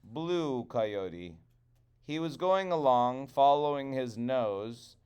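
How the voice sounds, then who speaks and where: A man telling a trickster tale as a storyteller, with deliberate, dramatic phrasing. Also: medium pitch, lively intonation, darkish tone, clean tone.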